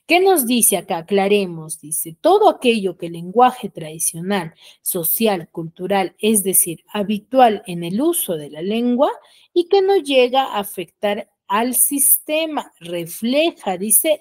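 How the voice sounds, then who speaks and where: A woman's voice: medium pitch, darkish tone. A woman teacher with a Peruvian Spanish accent, giving an online school lesson in an explanatory way and often ending phrases with tag questions, recorded on a computer mic. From Peru. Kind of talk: online class lecture.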